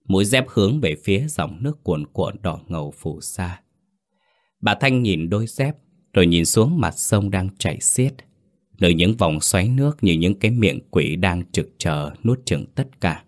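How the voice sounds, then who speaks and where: A man narrating a ghost story in a dramatic, measured way. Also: low-pitched.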